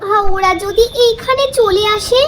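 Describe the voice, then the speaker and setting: A woman's voice: very high voice, measured pace, background noise. A woman voicing a frightened young mermaid in a cartoon story, speaking in a tearful, pleading way. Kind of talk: cartoon voice acting.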